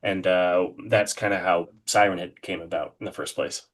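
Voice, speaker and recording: A horror artist being interviewed chats casually as a guest, rambling enthusiastically and often hesitating while working out his thoughts. His voice is low with fairly even intonation at a moderate pace.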